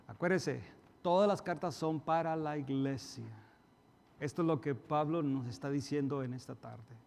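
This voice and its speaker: A male pastor preaching a sermon, emphatic, acting out quarrels in a raised voice and dropping to soft asides. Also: a little high, normal speed, vocal fry. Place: church hall. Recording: reverberant church hall.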